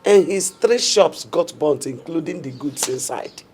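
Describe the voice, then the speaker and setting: A woman's voice: deep voice, lively intonation, unhurried, darkish tone, slight background noise. An actress with a Nigerian accent playing a consoling yet reproachful middle-aged mother in a film drama.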